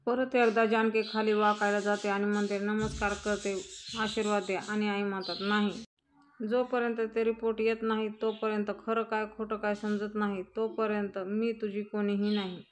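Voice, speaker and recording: A woman's voice: medium pitch, little pitch movement, normal speed, slight background noise. A woman narrating a recap of a television serial episode, reading out the characters' lines with mild emphasis. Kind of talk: storytelling recap with voiced quotes.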